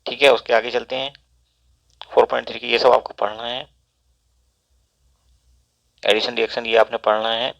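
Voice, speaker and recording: A man's voice: mid-range voice, flat delivery, normal speed, vocal fry, pauses often, a bit bright. A man, a teacher walking students through a syllabus and steadily repeating section numbers. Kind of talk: syllabus walkthrough lesson. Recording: dull lo-fi recording.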